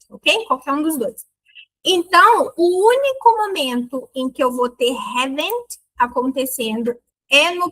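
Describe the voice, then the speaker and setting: A woman teaching an online English lesson, explaining grammar in a lively, playful way and exaggerating her intonation on examples. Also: high-pitched, low-quality recording. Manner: chatty and playful with students.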